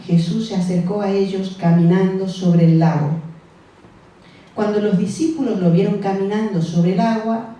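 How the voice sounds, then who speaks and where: A woman's voice: medium pitch, warm tone, distant mic. Woman preaching in an echoey church hall. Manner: conversational, acts out the disciples' voices, asks the congregation questions. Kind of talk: sermon.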